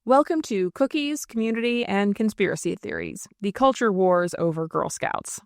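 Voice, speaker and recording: A woman's voice: medium pitch, very animated, normal speed, no room sound, clean studio sound. A woman hosting a history podcast, reading scripted narration in a snarky, irreverent way.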